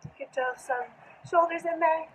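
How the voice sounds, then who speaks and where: A woman casually teaching a dance step in a relaxed, offhand way. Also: very high-pitched, normal speed, a little hiss or hum, poor audio. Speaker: dance instructor.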